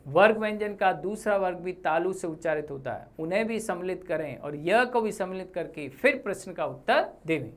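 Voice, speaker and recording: A woman teaching Hindi grammar for exam preparation over slides, saying each sound slowly with example words. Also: mid-range voice, a bit bright. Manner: slow, deliberate, spells out sounds with example words. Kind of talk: exam-prep lesson.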